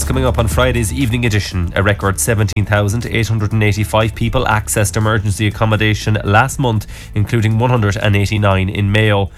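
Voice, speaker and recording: A man with an Irish accent reading scripted news headlines on radio. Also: fairly low pitch. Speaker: newsreader.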